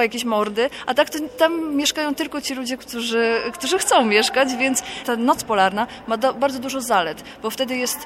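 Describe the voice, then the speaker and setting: A woman from Poland, a guest author, answering interview questions in a thoughtful, explanatory and unhurried way. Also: on the high side, background noise.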